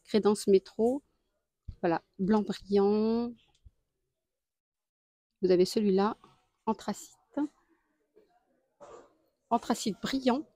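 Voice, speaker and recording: A woman, a deal-hunting vlogger, walks through a store aisle and lists prices and sizes. She speaks in a chatty way and pauses often. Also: mid-range voice, warm tone, dry recording. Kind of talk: casual store walkthrough. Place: home improvement store aisle.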